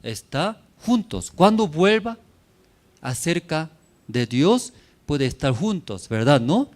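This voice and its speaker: A man's voice: a little high, very animated, slow pace, darkish tone. A man preaching a sermon in a church, in simple broken phrases, constantly checking in with his listeners through short tag questions.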